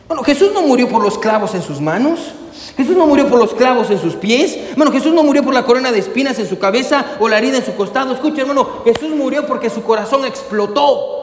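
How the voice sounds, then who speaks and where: A man's voice: extremely high pitch, animated, fairly quick. A man preaching a sermon as pastor, with bursts of emphasis, again and again calling out to his listeners as brothers. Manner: preaching with bursts of emphasis, repeatedly addressing "hermano". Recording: echoey hall, long reverb.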